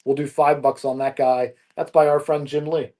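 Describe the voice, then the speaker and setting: A man selling comic books during a live auction stream, with upbeat, brisk salesman patter. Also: on the high side, little pitch movement, warm tone.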